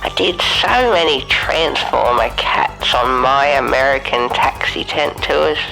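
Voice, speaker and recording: A man's voice: mid-range voice, a little slow, gravelly, sharp tone, soft background music, poor audio. A man voicing a pompous, eccentric male taxidermist who speaks grandly and calls people mate and lad. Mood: haughty.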